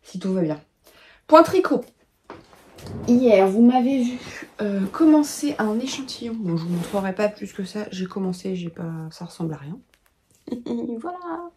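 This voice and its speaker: A woman's voice: medium pitch, lively intonation, unhurried, dark tone, a little hiss or hum. A woman in her thirties chatting casually to camera at home, thinking aloud with lots of filler sounds. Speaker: knitting vlogger and pattern designer. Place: home at a desk, lit by a lamp.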